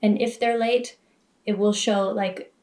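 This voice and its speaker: A woman at an ordinary mid pitch, hosting a casual sit-down chat. She talks in a loose, explaining way, full of little fillers. She sounds easygoing and conversational. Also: fairly even intonation, a little slow, mellow. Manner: chatty, explanatory, filler-heavy. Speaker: host.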